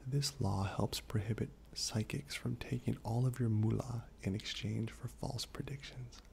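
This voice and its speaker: A man speaking in a soft, breathy half-whisper, gently reading trivia aloud in an ASMR style while chewing gum. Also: mid-range voice, steady tone, measured pace, a little hiss or hum. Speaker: ASMR host.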